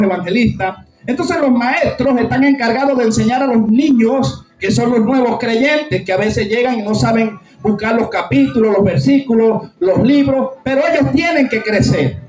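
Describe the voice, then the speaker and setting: A man preaching a sermon to his congregation, emphatic, with many rhetorical questions and frequent calls of "brother". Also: extremely high pitch. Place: church hall. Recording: echoey room, distant mic, dull sound.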